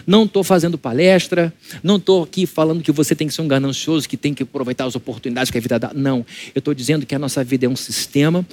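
Preaching in a conversational style, a married adult man with a Brazilian Portuguese accent fires rhetorical questions at his congregation. His voice leans toward the high side.

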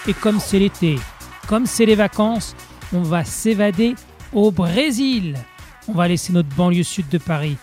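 A man hosting a local radio show, upbeat and quick to laugh while interviewing a guest. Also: high-pitched, a little mellow. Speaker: radio host. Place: Paris southern suburbs.

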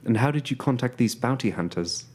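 A man's voice: medium pitch, expressive, fairly quick, a little mellow, slightly rough. A man playing a tabletop role-playing game, casually negotiating and questioning in character.

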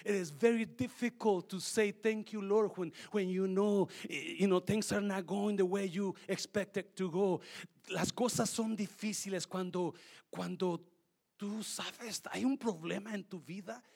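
Gravelly, high-voiced preaching pastor, a man. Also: takes it slowly, darkish tone. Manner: switches between Spanish and English mid-sermon. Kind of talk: sermon.

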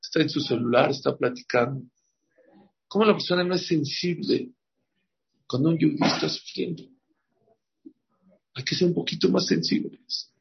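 A man's voice: fairly high pitch, normal speed, creaky, pauses often. A man gives a sermon as a rabbi, acting out the dialogue of his stories with animation. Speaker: rabbi giving a talk. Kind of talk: storytelling sermon. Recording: dull lo-fi recording.

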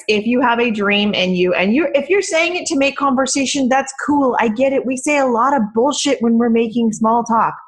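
A woman co-hosts a casual podcast. She speaks in a sassy, emphatic way. She swears freely as she talks. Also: fairly high pitch. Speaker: podcast co-host.

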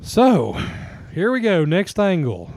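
A man talks in a loose, rambling way, stopping to restart his sentences and laughing easily. His voice sits a little high for a man. The sound is dry and close, with no room echo. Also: wildly swooping pitch, slow, a little mellow. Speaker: podcast co-host. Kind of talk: casual chat about wrestling.

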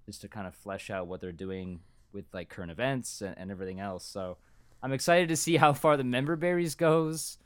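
A man co-hosts a casual podcast, musing in a relaxed, thoughtful way that often trails off. His voice is on the low side. The sound is dry and close to the mic. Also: fairly quick, clear, resonant tone, no echo. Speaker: podcast co-host. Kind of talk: casual chat.

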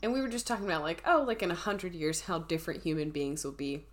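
Animated woman chatting about a show. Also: lowish voice, fast talker. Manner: animated, laughs often, acts out quotes. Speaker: podcast co-host. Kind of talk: casual chat.

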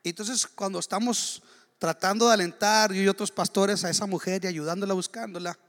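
A pastor man from Ecuador preaching a sermon, telling a story with bursts of excited exclamation. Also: high voice, fairly quick.

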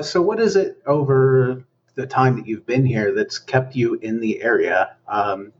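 A man's voice: medium pitch, dull audio. A man hosting a casual podcast, asking questions in an easygoing way with fillers. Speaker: podcast host. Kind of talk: casual interview chat.

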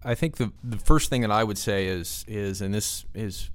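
Guy on a podcast giving advice, low smooth voice, kinda flat, repeats himself a bit. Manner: halting, repeats words as he explains. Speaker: podcast guest, financial consultant. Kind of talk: off-the-cuff expert advice.

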